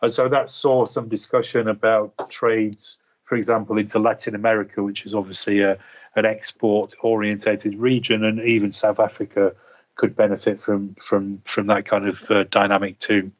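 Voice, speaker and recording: A man's voice: lowish voice, level tone, normal speed, muffled recording. A man speaking as a guest strategist, giving unscripted market commentary in a hesitant, hedging way. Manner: hesitant, hedging, repeats words as he thinks. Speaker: investment strategist, interview guest.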